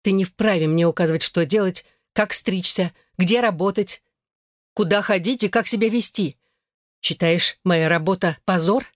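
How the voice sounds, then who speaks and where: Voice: mid-range voice, moderate pace, no room sound, studio quality, lightly acted. A reader voicing an angry young woman arguing with her ex-husband in an audiobook. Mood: indignant. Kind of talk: audiobook character voice.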